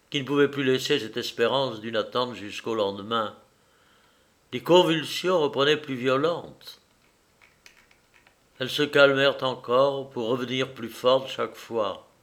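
Guy reading a french-style novel out loud, first person, steady and expressive, mid voice. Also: mid-range voice. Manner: measured, expressive literary reading. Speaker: audiobook narrator.

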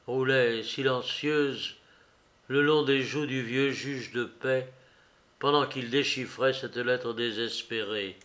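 A man narrating a novel aloud with a slow, solemn, dramatic delivery. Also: medium pitch, pushed and bright.

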